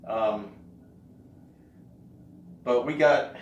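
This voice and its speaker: A middle-aged man giving a casual spoken update, talking haltingly with pauses in mid-sentence. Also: medium pitch, a little mellow, lo-fi sound, a little hiss or hum. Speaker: vlogger giving a health update. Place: indoors in an echoey room. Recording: echoey room, distant mic.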